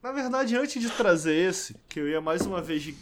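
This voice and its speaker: A man's voice: high-pitched, lively intonation, normal speed. A young man chatting casually as a podcast guest, telling stories with lots of slang fillers. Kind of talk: casual chat.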